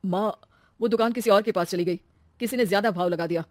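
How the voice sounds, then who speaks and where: A woman's voice: mid-range voice, fast, dry recording, natural voice. Young husband for a family story, woman performer: blunt, earnest, short-fused, emphatic, dry close sound. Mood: dejected. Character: young husband and son, earnest, easily exasperated. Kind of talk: acted story dialogue.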